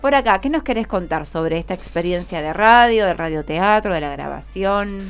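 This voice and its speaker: In a radio studio with soft music behind her, a woman with a Rioplatense Argentine accent interviews schoolchildren, her fairly low voice lively and clean at a normal speed. She keeps things friendly and conversational, encouraging the kids with short questions and affirmations.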